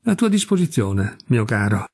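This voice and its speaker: A man doing a mocking young gentleman. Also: fairly low pitch, sing-song, moderate pace, breathy edge, heavily acted.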